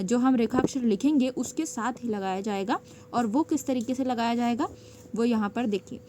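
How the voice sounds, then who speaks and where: A woman teaching a stenography lesson, explaining each step patiently and often pausing to check that it is clear. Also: on the high side, a little mellow, slight background noise. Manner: patient, checks in with frequent "okay" and "theek hai".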